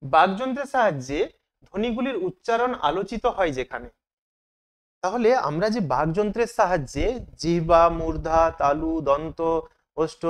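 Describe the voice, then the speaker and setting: High, lively male teacher quizzing himself. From Bengal. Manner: asks questions and answers them himself. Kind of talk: exam question walkthrough.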